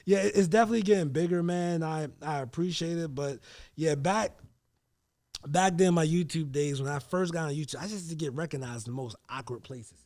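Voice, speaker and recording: A man in his late thirties tells stories in a casual podcast chat, full of slang and acted-out quotes. His voice sits a little higher than most men's. He keeps the talk loose and animated. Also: fairly quick. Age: 30s. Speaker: host.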